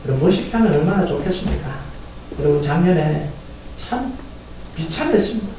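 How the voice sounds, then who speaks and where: Impassioned high-voiced pastor in echoey church. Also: male voice, lively intonation, fairly quick. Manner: impassioned preaching, swings from hushed to shouting. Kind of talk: sermon. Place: church sanctuary in Texas. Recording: distant echoey church sanctuary with faint noise.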